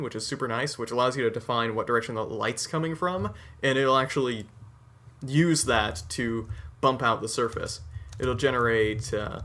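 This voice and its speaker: Young man, podcast co-host, casual chat, opinionated, long run-on sentences, mid pitch. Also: fairly bright tone. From United States. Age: teens.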